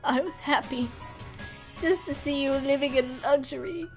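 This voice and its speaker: A woman reading game dialogue aloud, voicing a grave, remorseful male pigeon in a quiet, confessional way. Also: sits high, normal speed, faint music behind. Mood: somber.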